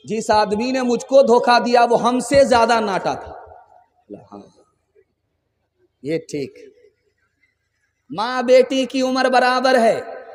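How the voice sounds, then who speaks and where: Male preacher, very high-pitched and unhurried, tells anecdotes with dialogue and sung lines; long reverb. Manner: storytelling with dramatic quotes and sung verse. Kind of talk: Islamic sermon with storytelling.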